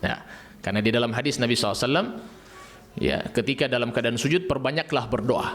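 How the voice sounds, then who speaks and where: A middle-aged male preacher delivers a religious lecture. His voice sits at an ordinary middle pitch and climbs with emphasis as he tells stories and acts out what others said. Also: quick pace. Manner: animated storytelling with quoted voices and rising emphasis.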